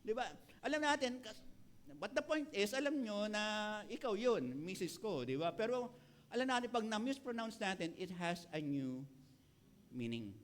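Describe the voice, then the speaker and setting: Middle-aged Filipino pastor with a Filipino accent, high-pitched voice, code-switching sermon with light jokes to the church. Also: lively intonation, moderate pace. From Philippines. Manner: mixes Tagalog and English, playful asides to the congregation.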